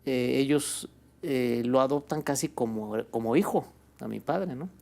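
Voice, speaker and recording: A man with a Mexican accent, a guest on an interview show, telling a family story in a relaxed way, with many fillers like "este" and "pues". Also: medium pitch, unhurried, gravelly. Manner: relaxed, fills with "este" and "pues", ends phrases with "¿no?". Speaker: guest, birria restaurant owner.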